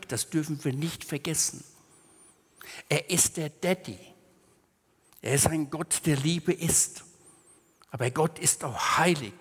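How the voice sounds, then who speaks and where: A man's voice: fairly high pitch, husky. Man preaching in a reverberant hall. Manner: conversational, explaining scripture with everyday asides. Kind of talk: sermon.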